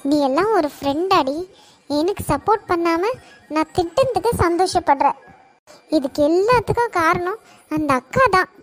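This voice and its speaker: A woman voicing a hot-headed college girl in a cartoon, accusing and shouting. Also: very high-pitched, expressive, normal speed, faint music behind. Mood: angry. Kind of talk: Tamil cartoon voice acting.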